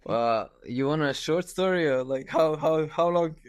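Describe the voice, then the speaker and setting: Lithuanian-accented man in his thirties, halting. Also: a little high, no room sound, clean studio sound. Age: 30s. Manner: halting, restarts often, laughs easily. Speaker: guest, ultra-distance cyclist. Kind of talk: casual interview on video call. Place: small room at home, indoors.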